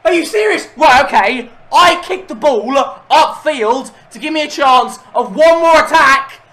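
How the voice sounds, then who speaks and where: A young British man reacting to a football video game in a bedroom, exasperated, sweary and repeating himself as he shouts. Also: very high voice, animated, unhurried. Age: young adult. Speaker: gaming video creator playing a football game. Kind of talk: raging gameplay reaction commentary. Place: small furnished bedroom indoors. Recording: music playing behind the voice.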